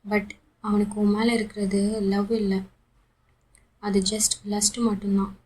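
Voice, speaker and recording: A woman's voice: mid-range voice, monotone, takes it slowly, a little mellow, a little hiss or hum, natural voice, poor audio. A woman voicing a jealous, heartbroken young woman in a romance audiobook, speaking in a bitter, accusing way.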